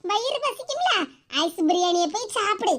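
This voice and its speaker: A woman's voice: very high-pitched, expressive, moderate pace. A woman voicing a cheeky, teasing young village daughter in a cartoon who coaxes her cross mother. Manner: teasing and coaxing. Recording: loud background noise.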